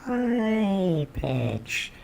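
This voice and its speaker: A man demonstrating music gear, talking through a built-in mic with a formant shift and auto pitch correction, offhand as he works. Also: sing-song, extremely slow, gravelly, a little mellow, a little hiss or hum, heavily acted. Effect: formant-shifted, auto-pitch-corrected voice through a sampler mic. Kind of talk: casual tutorial talk while recording samples. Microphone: built-in microphone of a groovebox.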